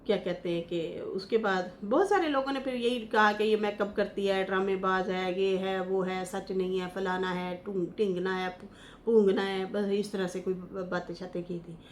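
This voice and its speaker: A woman's voice: mid-range voice, steady tone, moderate pace, a little hiss or hum. A woman from Pakistan hosting online gossip news, talking through a family scandal with emotion, scolding and retelling what others said. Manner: impassioned, scolding, recounts others' words.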